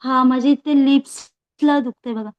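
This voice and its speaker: A woman taking part in an online class, describing her pain in plain, halting words over a video call. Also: high-pitched, steady tone, dry recording. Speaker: class participant. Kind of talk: casual chat. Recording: dull, dry video-call audio.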